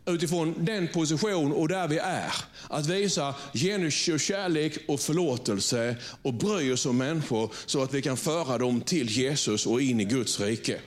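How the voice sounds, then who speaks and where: A man's voice: on the high side, few pauses. A pastor preaching to his congregation in a conversational way, often checking for agreement and restarting his sentences. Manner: frequent restarts and repeated words. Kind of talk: sermon. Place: church before a congregation.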